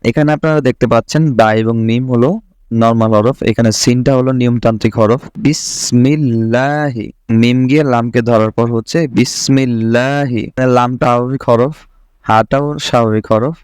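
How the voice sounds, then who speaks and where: A man teaching how to pronounce the letters for Quran recitation, speaking slowly and carefully and repeating each sound for the learner to copy. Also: mid-range voice, fairly even intonation, a little mellow, smooth, dry recording. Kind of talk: step-by-step teaching of letter pronunciation.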